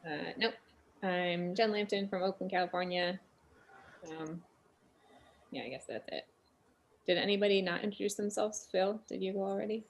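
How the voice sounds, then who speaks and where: A woman's voice: mid-range voice, normal speed, creaky, long pauses, slight background noise. A woman hosting a weekly online developer meeting over a video call, upbeat and organized. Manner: upbeat, organized, thanks contributors. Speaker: meeting host.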